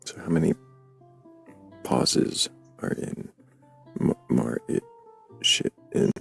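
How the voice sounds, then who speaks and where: A man in a casual group chat whose voice breaks up over a bad call connection, halting and cutting out mid-word. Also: faint music behind.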